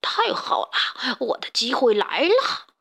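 A woman's voice: high-pitched, big pitch swings, measured pace, pushed and bright, exaggerated voice. A woman voicing a sly, greedy male stray pig who fakes being hurt, in a children's storybook. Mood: gloating.

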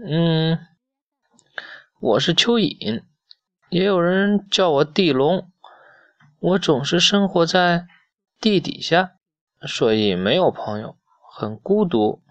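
A timid, lonely earthworm from a children's storybook, as a man puts him on. He speaks wistfully in a slightly raised, unhurried voice with a dry sound. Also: fairly high pitch, animated, no echo, muffled recording, pitched above the performer's own voice. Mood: wistful, shy. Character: lonely shy young earthworm.

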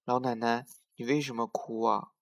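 A man voicing a kind, eager little girl in a children's story, speaking gently with a slightly raised pitch. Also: little pitch movement, moderate pace, vocal fry, close to an everyday voice. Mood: comforting.

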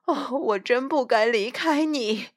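A woman voicing a fussy, doting female dog owner who cries out in a flustered, loud way, slightly higher than her own voice. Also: slow pace. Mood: anxious.

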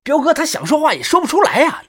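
A man's voice: extremely high pitch, very animated, fast talker, a bit bright, pitched above the performer's own voice, exaggerated voice. A man voicing a frantic young man in an audiobook, pleading urgently in a raised voice. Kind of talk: audiobook character voice.

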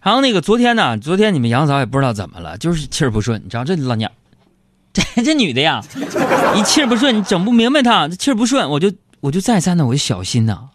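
A young man, hosting a live stream show and telling joking, animated stories about his family. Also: fairly high pitch, fast, slight background noise. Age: young adult. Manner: joking, animated storyteller who acts out arguments. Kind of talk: comic storytelling monologue. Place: broadcast studio.

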